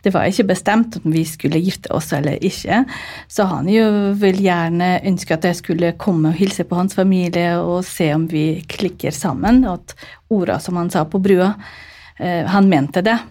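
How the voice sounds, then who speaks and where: A middle-aged woman with a Ukrainian accent, a guest telling lively stories and acting out quotes with big jumps in pitch. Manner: animated, acts out quotes with big pitch leaps. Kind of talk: storytelling in an interview.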